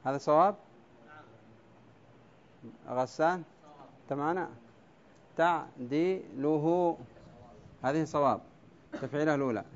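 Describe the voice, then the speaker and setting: A male teacher in a classroom, going over poetic meter at the board, drawing words out slowly syllable by syllable and calling on students by name. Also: fairly high pitch, highs cut off, slight background noise. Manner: quizzes students by name, brief praise. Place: classroom with a blackboard.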